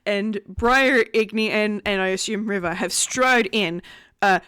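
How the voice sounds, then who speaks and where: A woman's voice: medium pitch, a little slow, fairly bright tone, smooth. A woman narrating a tabletop game as game master, improvising in an informal, conversational way.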